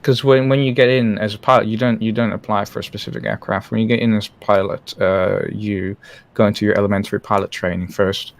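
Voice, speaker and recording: A man's voice: lowish voice, fairly even intonation, quick pace. A man from the Netherlands, a former helicopter pilot, talking frankly in an interview with many hesitant restarts. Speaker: former Apache pilot guest. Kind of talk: candid interview talk on a live stream.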